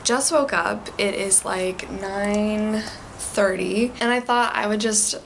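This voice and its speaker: A woman's voice: medium pitch, slow, creaky, slight background noise. A young woman vlogging casually from home, chatty and gushing. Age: young adult. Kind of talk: casual reading vlog chat.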